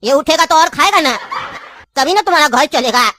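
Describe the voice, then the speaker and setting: A woman's voice: sits high, lively intonation, normal speed, pushed and bright. A woman voicing a talkative, scheming old grandfather in a cartoon, telling long rambling stories. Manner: long rambling storytelling, insistent.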